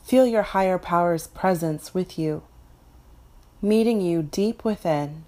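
A woman from Florida leads a guided meditation, her voice slightly low and soft. She speaks very slowly and calmly, with long pauses between her gentle instructions. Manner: slow, soft, calm instructions.

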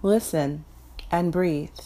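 A woman from Florida leads a guided meditation, her voice slightly low and soft. She speaks very slowly and calmly, with long pauses between her gentle instructions. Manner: slow, soft, calm instructions.

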